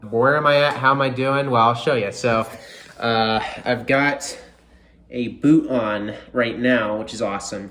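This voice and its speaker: A man's voice: medium pitch, fairly bright tone. Young guy vlogging a casual update, rambly, lots of likes, roomy echo. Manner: rambling, lots of fillers like "you know" and "like". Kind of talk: casual recovery update vlog.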